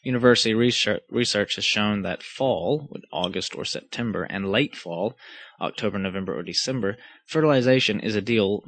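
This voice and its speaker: A man reading aloud in a plain, steady delivery, with occasional small stumbles. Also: lowish voice, moderate pace. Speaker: reader. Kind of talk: reading a story and a lawn-care text aloud.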